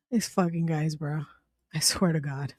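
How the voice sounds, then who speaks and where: A woman's voice: deep voice, no room sound, clean studio sound. A woman hosting a casual commentary vlog, talking in a profane, incredulous way, laughing often and rambling with many restarts. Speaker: channel host.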